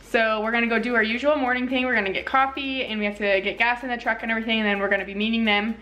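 A young woman in her twenties talking excitedly to a phone camera about the day's plans. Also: fairly high pitch, very fast, dull audio, slight background noise. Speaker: vlogger. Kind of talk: casual vlog chat.

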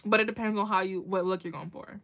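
A woman's voice: medium pitch, fairly even intonation, quick pace, fairly bright tone. A woman hosting a casual nail art tutorial livestream, chatting with viewers by name and laughing often as she works.

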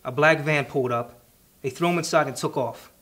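A man's voice: a little high, a little fast, a bit bright, close to an everyday voice. A man in his thirties acting as a tough, sardonic police detective, blunt and probing in a naturalistic interrogation scene. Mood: hard, accusing.

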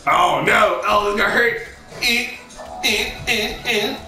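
A man streaming a fighting game with friends, excitable, yelping and trash-talking in casual banter. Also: high voice, slow, vocal fry. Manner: excitable, yelps and trash talk. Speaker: gaming streamer. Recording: roomy, distant mic with game music. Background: fighting game music.

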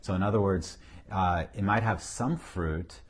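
A middle-aged pastor with a Syrian accent speaks in a low, unhurried voice, talking casually but emphatically about ministry. He repeats key phrases and chuckles now and then. He's seated on a couch in an indoor office, recorded on a lapel mic.

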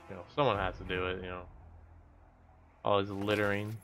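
Guy doing chill let's play commentary, lowish voice, short offhand remarks, game music behind. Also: level tone, brisk, fairly bright tone. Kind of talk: casual gameplay commentary.

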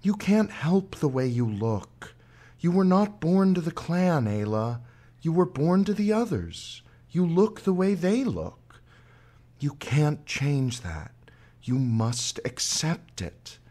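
A man voicing an old mother and medicine woman who comforts her daughter calmly and steadily. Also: fairly high pitch, slow, pitched above the performer's own voice, heavily acted. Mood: firm.

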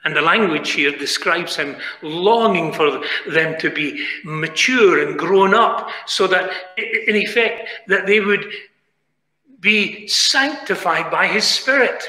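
British preacher guy, high bright voice, earnest pleading sermon, big echoey chapel. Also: slow. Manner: earnest pleading, swinging between quiet asides and raised emphatic lines. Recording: echoey chapel with long reverb.

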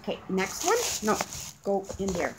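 A middle-aged woman chatting casually at home as she unboxes crafts with a child, coaxing gently and gushing over every detail. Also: mid-range voice, big pitch swings, moderate pace. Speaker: crafting channel host. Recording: clear background noise.

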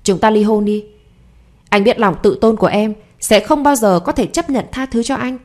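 A woman's voice: on the high side, moderate pace, dark tone, lightly acted. A woman reading a cold unfaithful husband.

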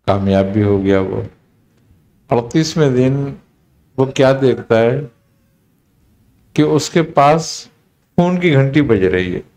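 A man, a spiritual teacher, telling a story in a relaxed conversational talk and acting out the quoted dialogue. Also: medium pitch. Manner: unhurried, recounting with quoted dialogue.

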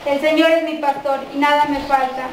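Mexican woman, prayer leader at a mass; steady liturgical recitation, very reverberant distant church sound. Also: sits high. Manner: measured, even recitation leading responses. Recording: echoey church from far off, faint noise.

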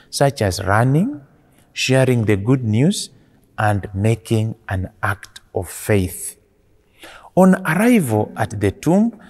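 A priest in his forties delivers a homily indoors in a small church, preaching slowly and deliberately with rising and falling emphasis. His voice is medium-pitched with a darkish tone, and it sounds as if it's in a large hall.

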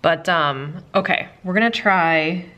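A young woman from Minnesota, USA, with a slightly stuffed-up voice, sits at a desk indoors under an overhead camera, testing pens for a casual planner vlog. She's a planner sticker vlogger, bubbly and chatty, full of likes and ums. Her voice is on the low side, a little slow and sharp in tone, and the recording is muffled.

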